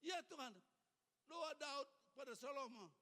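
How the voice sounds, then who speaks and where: A man's voice: very high voice, measured pace, bright, forceful tone. A man in his eighties, a pastor preaching a sermon in a church hall, urging the congregation with fervent, repetitive exhortations. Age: 80s. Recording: long reverb of a hall.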